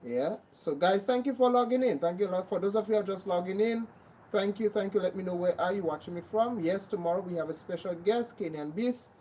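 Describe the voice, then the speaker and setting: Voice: mid-range voice, fairly quick, mellow, slight background noise, poor audio. A livestream host with a Grenadian accent, chatting casually and greeting and thanking viewers by name, often repeating herself.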